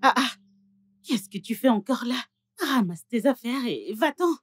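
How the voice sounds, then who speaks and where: A woman dubs a French film role: a jealous schemer who ridicules and betrays her closest friend. The voice is exaggerated and sing-song, unhurried with a breathy edge, recorded dry, and it mocks freely and goes shrill in screams.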